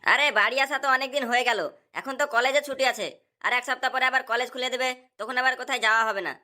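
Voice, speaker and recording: A woman carries a whole cartoon cast with a high, bright voice. She talks briskly and bossily, scolding like a traffic cop. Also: fairly even intonation. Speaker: voice actor for all cartoon characters. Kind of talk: cartoon voice acting.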